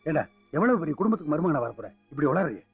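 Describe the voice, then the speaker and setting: A man's voice: on the high side, sing-song, racing, husky, no room sound, soft background music, full character voice. An actor playing a proud, hot-tempered foster father scolding his son. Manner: scolding, commanding. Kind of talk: film drama acting. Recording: dull film soundtrack.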